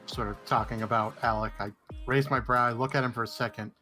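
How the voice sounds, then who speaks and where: A man taking part in a tabletop game describes what his character does, in a wry, understated way. His voice is middle-pitched and strikingly bright. Faint music sits underneath. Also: steady tone, fast. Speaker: player.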